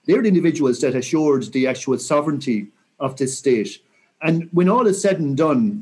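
A man in his sixties with a west of Ireland accent, talking reflectively and earnestly in an interview with measured, rhetorical phrasing. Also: medium pitch, a little mellow. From County Mayo, Ireland. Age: 60s. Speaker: interview guest, senior military officer.

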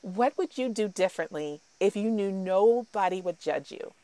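A woman's voice: mid-range voice, lively intonation, moderate pace, warm tone, dry recording. A woman hosting an interview, encouraging and upbeat as she speaks to the guest and to the audience. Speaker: podcast host.

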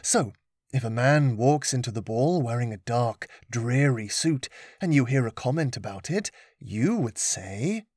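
A man's voice: medium pitch, animated, unhurried, a little mellow, dry recording. A man reading aloud voices a patient male mentor who teaches with dry, teasing humour. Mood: explaining.

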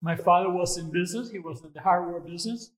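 An older man from Cuba answering interview questions in a measured, earnest way, pausing often with fillers. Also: high voice, low-quality recording. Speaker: interview guest.

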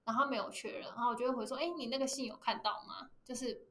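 A woman with a Taiwanese Mandarin accent, co-hosting a podcast in casual chat, telling animated stories and laughing often. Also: fairly high pitch, very fast, roomy sound. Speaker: podcast co-host.

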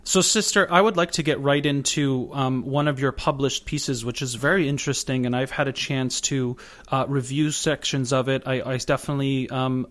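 A man hosting an interview show, asking long, earnest questions with many fillers. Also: medium pitch. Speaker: host.

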